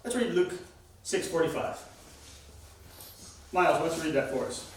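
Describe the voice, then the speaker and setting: A man's voice: fairly high pitch, lively intonation, moderate pace, distant mic, noisy background. A man teaching a Bible class, speaking emphatically and asking the class questions. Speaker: church teacher. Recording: echoey room, voice from afar.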